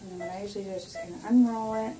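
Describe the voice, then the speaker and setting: Woman, dental assistant, medium-pitched, casual instructions, reassuring, plain-spoken, small clinic room. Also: fairly even intonation, rapid-fire, poor audio. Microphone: patient's phone, a little away from her.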